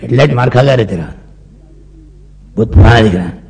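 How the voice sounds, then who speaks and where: A man voicing a gruff mechanic who acts as a doctor, speaking in a low, rough drawl. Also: brisk, darkish tone, natural voice.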